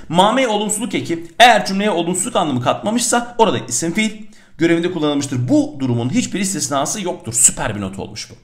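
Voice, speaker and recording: A man teaching an energetic exam-prep grammar lesson, talking emphatically and addressing his viewers directly as he works through exercises. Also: fairly high pitch.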